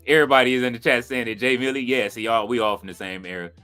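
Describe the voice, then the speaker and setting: A man hosting a live watch-along stream, chatting loosely with viewers and leaning on fillers like "you know what I'm saying," with sudden excited outbursts. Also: mid-range voice, quick pace, smooth, soft background music. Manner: bursts of excited reaction. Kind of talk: casual live-stream chat, reading viewer comments.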